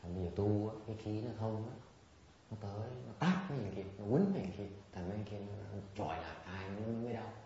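A man's voice: on the low side, lively intonation, rapid-fire, warm tone, slight background noise. A man giving an informal dharma talk to meditators, rambling and repeating words, chuckling as he mimics his students. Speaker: meditation teacher. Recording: dull, very echoey room recording.

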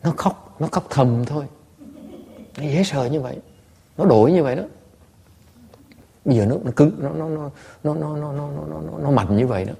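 A man, a Buddhist monk teacher, telling stories to listeners in an animated, laughing way with many stammered repeats. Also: fairly high pitch, moderate pace, creaky, pauses often, breathy edge. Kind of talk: storytelling talk to listeners.

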